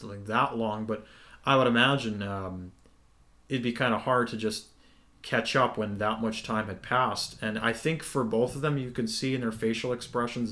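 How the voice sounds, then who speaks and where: A man co-hosting a podcast, recapping a TV episode in a relaxed, casual way with lots of ums. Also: medium pitch. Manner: relaxed, many ums, explains at length. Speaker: podcast co-host.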